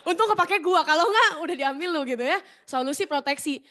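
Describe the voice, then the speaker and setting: A woman's voice: sits high, expressive, brisk, bright, forceful tone. A woman telling her sales story in a chatty motivational talk, often turning to the audience.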